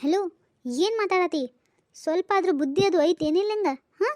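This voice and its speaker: A sharp, indignant young office woman in a cartoon comedy, speaking with a North Karnataka Kannada accent. The voice is very high and brisk, with a scolding edge. It is recorded close and dry. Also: no echo.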